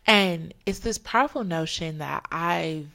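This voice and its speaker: A woman's voice: lowish voice, a little slow, gravelly, pushed and bright. A woman co-hosting a podcast, reflective and heartfelt in casual conversation. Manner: reflective, heartfelt, speaks of faith. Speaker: podcast co-host.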